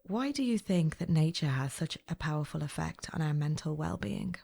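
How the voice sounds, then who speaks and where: A woman co-hosting a podcast, asking gentle, deliberate questions. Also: sits low, expressive, gravelly. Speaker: co-host.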